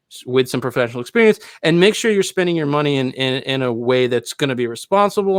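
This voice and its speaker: A man of middle pitch co-hosts a laid-back live podcast. He explains points through homespun analogies and keeps asking "right?" as he goes. His voice sits close and dry on the mic, with no room sound. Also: no room sound. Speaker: podcast co-host. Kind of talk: casual live podcast chat.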